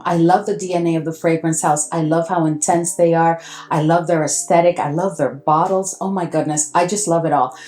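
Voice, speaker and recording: A woman vlogger chatting casually to her viewers, gushing and excitable, calling them guys and repeating words for emphasis. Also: on the low side. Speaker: perfume vlogger. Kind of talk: casual chat to camera.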